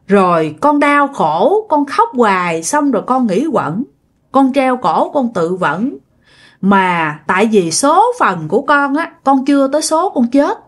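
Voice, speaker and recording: Woman voicing a sobbing young ghost girl. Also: a little high. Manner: plaintive, repeating her pain. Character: grieving young female ghost, sobbing and pleading.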